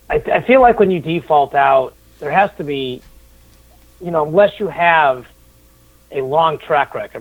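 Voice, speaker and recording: A man calling into a wrestling podcast as its rankings analyst, chatting in a relaxed way and thinking aloud. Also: mid-range voice, creaky, no echo. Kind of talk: sports podcast chat. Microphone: phone line. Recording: tinny phone line.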